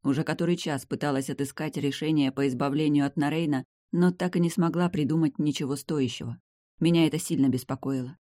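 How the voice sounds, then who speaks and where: First-person fantasy audiobook reader, mid pitch, dry close sound. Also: brisk, no echo. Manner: first-person storytelling, even. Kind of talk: audiobook narration of a fantasy novel.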